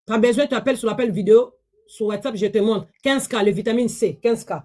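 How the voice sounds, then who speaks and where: A woman, hosting a live-stream sales pitch from her phone, chatty and repetitive, pleading with viewers. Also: fast talker, a little mellow. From DR Congo.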